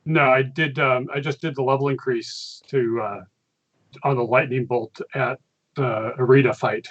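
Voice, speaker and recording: A man playing a tabletop game, discussing his moves casually in a hesitant, halting way over lo-fi voice chat. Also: medium pitch, steady tone.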